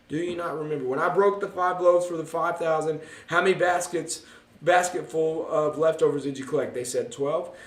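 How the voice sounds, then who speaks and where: A man leading a casual Bible study, joking and chatting as he reads scripture aloud. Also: a little high. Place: church room. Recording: echoey room from a distance.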